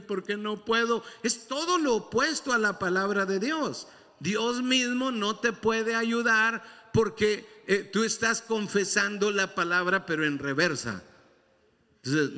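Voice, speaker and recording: A man's voice: high voice, bright, forceful tone. A male pastor preaching a Spanish sermon to his congregation, repeating his key lines and calling on the listeners to answer and turn to their neighbours. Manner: preaching with repetition and call-and-response to the congregation. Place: church sanctuary. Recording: long hall reverb in a church.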